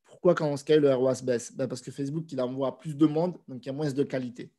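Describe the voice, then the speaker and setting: Talking fast in a mid-range voice, a man in his thirties with a cold handles viewer questions on a live stream. He's in a small room on a video call using a desk mic, and his manner is easygoing and conversational with plenty of hesitations.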